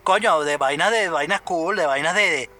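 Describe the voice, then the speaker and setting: A man with a Venezuelan accent telling a story in casual chat, animated, stammering and cursing a lot. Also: fairly high pitch, normal speed. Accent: Venezuelan Spanish.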